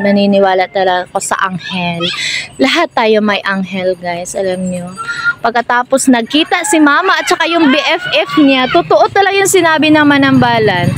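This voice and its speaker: A woman's voice: fairly high pitch, noisy background. Chatty Filipina vlogger woman telling a story. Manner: chatty, addresses viewers as guys, frequent fillers and restarts. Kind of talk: casual storytelling to viewers.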